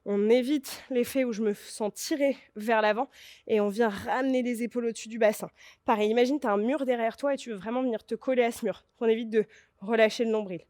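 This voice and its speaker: A woman guides a yoga flow, her voice sitting a little high and close to the mic in a dry, dead space. She cues every breath and pose with steady encouragement. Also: a little fast, no echo. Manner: encouraging, cueing breath and poses. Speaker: yoga teacher.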